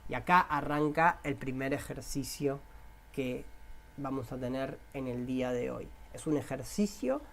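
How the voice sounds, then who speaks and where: A man's voice: mid-range voice, a little slow, vocal fry, a bit bright, a little hiss or hum. A man with a Rioplatense Spanish accent, a self-help coach leading a guided inner-voice exercise, repeating prompts and coaxing listeners directly.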